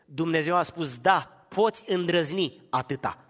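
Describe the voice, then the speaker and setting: Impassioned preacher in a reverberant hall. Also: male voice, fairly high pitch. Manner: impassioned, swinging from near-shouts to hushed tones. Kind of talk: sermon.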